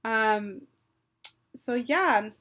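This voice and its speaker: A woman in her twenties from Texas talks very slowly but animatedly to her webcam, her voice fairly high and a bit bright. The vlogger chats casually with frequent "um" and "like" plus a few Spanish phrases. She records in a small bedroom, close to the built-in webcam mic.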